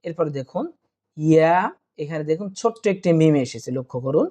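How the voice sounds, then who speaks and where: A man's voice: fairly high pitch, expressive, fairly quick, mellow. A man teaching Quran reading. He spells out each letter and vowel mark one at a time, then chants the joined verse, speaking patiently to his students. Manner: patient, addresses students directly.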